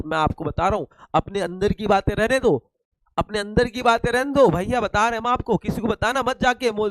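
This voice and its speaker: A young teacher with an Indian accent and a high, slightly hoarse voice gives an online lecture, joking with his students and answering his own rapid-fire questions. The audio is poor, close and dry with no echo or room sound.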